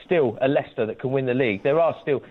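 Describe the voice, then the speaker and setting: Echoey man calling in by phone. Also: mid-range voice. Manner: halting, rambling, full of restarts. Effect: echoey sound from a big room. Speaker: radio phone-in caller. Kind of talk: phone-in call chat. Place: large farmhouse room. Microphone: Bluetooth phone. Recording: tinny phone line with room echo.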